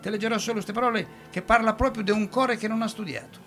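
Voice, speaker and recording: Jovial Anconitan radio host, bright voice. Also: male voice, high voice, fairly even intonation, soft background music. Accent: Ancona dialect, Marche. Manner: jovial, teasing, reads verse slowly and warmly. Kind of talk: casual local radio chat, reading letters and verse.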